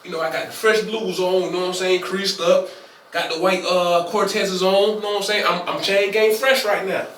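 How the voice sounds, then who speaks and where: A man with a high-pitched voice talks in easy street slang. He is recorded from a distance in a roomy space with a faint hiss. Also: level tone, moderate pace, a bit bright. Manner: laid-back slang, short backchannel replies. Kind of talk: casual storytelling chat. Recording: echoey room, mic at a distance, faint hiss.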